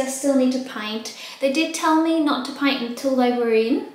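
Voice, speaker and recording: A young adult British woman chatting casually and informally to camera as a vlogger, rambling along in an empty, echoing bedroom. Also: sits high. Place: small empty bedroom with bare walls and wood floor, indoors. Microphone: camera mic at about arm's length or more. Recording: very echoey empty room.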